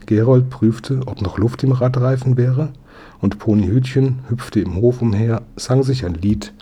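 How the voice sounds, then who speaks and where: A man reading a children's novel aloud in measured storybook narration. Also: lowish voice, dark tone, breathy edge. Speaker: audiobook narrator.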